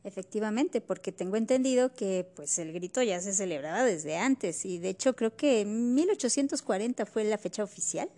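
A woman's voice: mid-range voice, expressive, moderate pace, hardly any pauses, dark tone. A woman, co-hosting a casual history chat and chiming in with questions and wry jokes. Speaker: podcast co-host.

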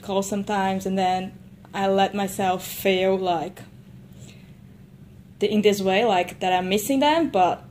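A young woman from Brazil, a native Portuguese speaker, chatting as a guest in earnest, halting English. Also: medium pitch, steady tone, darkish tone, slight background noise. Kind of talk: casual chat.

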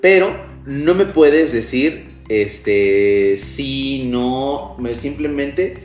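A man with a Mexican accent hosting a casual interview, playful and quick to joke and laugh. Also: medium pitch, lively intonation, a little mellow. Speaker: podcast host. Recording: echoey room.

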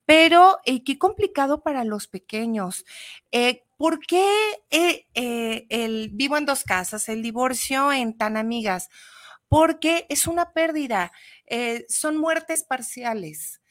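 A woman's voice: high voice, animated, slow pace. A woman co-hosting a radio talk show, thinking aloud with hesitant restarts.

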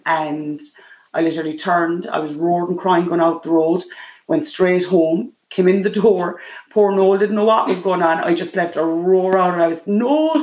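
A middle-aged Irish woman, a guest on her daughter's show, telling a story at length with many remembered exchanges. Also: low-pitched. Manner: vivid, run-on storytelling with many quoted exchanges. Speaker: guest, the host's mother. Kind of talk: emotional storytelling in casual chat. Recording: echoey room.

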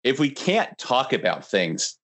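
A man speaking as a podcast guest, forceful and blunt, with some swearing. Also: medium pitch, very animated, a little slow, soft background music. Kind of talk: casual podcast chat.

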